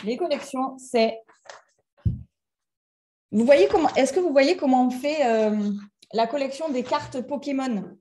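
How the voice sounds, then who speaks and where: A middle-aged French woman gives a lively talk to an audience in a conference room. Her voice sits a little high, with a mellow, relaxed tone. She chats directly with the room and slips into short acted-out scenes. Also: unhurried, long pauses. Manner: animated, acts out little scenes in different voices; chatty, addresses the audience directly. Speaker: speaker giving a talk on emotions.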